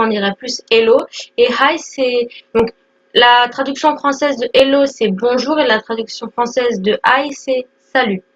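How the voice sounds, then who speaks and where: A woman's voice: a little high, dull audio. A woman in her twenties giving a casual spoken lesson, explaining step by step with many fillers and check-ins. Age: 20s. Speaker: English teacher.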